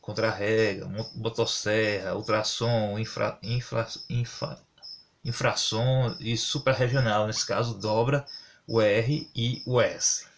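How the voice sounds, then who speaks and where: A man teaching a casual grammar lesson, halting often to correct himself as he works through examples. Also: fairly low pitch, fairly even intonation, a little hiss or hum. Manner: halting, many fillers and self-corrections, explains with examples.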